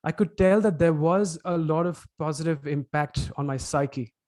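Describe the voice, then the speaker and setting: A man from Mumbai with an Indian accent, a podcast producer answering interview questions in a webinar, talking at length with many pauses and restarts. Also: a little high, a little mellow, no echo, studio quality. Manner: thoughtful, elaborate, frequent "uh" and restarts.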